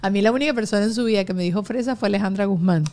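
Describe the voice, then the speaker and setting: A woman's voice: medium pitch, racing, dark tone. A woman with a Venezuelan accent hosting a podcast, chatting casually and laughing easily. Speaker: podcast host.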